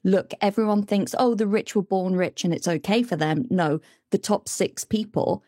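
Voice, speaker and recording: A woman hosting an interview, chatting relaxed and telling a short anecdote. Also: medium pitch, moderate pace, no echo, studio quality. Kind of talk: casual conversational interview.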